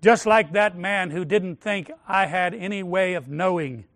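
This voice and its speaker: A male pastor preaching a sermon, making declarations and praying, his voice rising loud and falling hushed. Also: high-pitched, measured pace, no room sound, studio quality.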